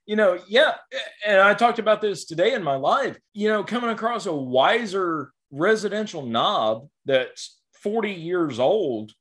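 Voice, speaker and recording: A man's voice: sits high, animated, a little slow, fairly bright tone. A man with a Southern US accent co-hosting a podcast, chatting casually and laughing often. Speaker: podcast co-host. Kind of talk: casual chat.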